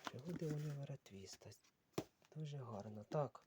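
Mellow unhurried man musing to camera. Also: mid-range voice, slight background noise. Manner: unhurried, musing, reads titles aloud. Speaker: book collector vlogger. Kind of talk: casual talk while sorting books.

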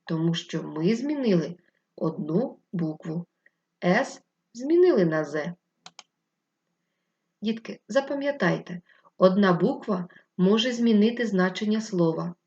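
A woman's voice: medium pitch, lively intonation, measured pace, darkish tone, dull audio. A woman teaching a remote literacy lesson to young children, patient and instructive, asking the pupils questions and answering them herself. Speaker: primary school teacher.

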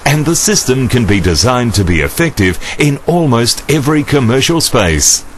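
A middle-aged man giving a scripted commercial voice-over in a smooth, persuasive manner. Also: medium pitch, sing-song, normal speed, slight background noise. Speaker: voice-over narrator. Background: music.

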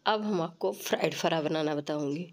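Female cooking host, lowish pitch, congested and slightly rough from a cold, instructing informally. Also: normal speed. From Uttar Pradesh, India. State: stuffy nose and rough voice from a cold. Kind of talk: recipe tutorial narration.

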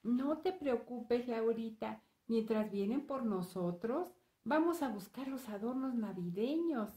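A kind little boy from a storybook, as the woman telling the story puts him on. He speaks softly and reassuringly, slow and mellow. The voice carries in a roomy, echoing space. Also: a little high, animated, pitched above the performer's own voice. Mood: encouraging. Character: caring little boy, protective older brother.

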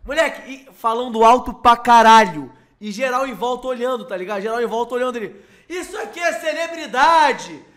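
A young man, a host telling a story in excited, slangy, swearing bursts that repeat themselves. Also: very high voice, fast talker. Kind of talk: casual storytelling.

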